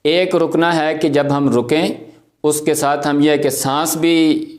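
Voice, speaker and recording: A man's voice: fairly high pitch, steady tone. A man teaching a Quran recitation lesson, explaining patiently with everyday examples. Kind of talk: tajweed lesson.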